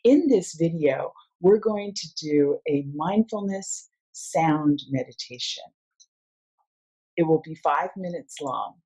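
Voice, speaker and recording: A woman working as a mindful living coach, leading a guided meditation in a calm, soothing way. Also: low-pitched. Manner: slow, calm, soothing guidance.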